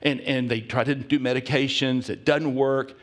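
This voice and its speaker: A male pastor delivering a sermon, telling a story with emphatic repetition and sometimes dropping to a hushed whisper. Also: medium pitch, steady tone, moderate pace.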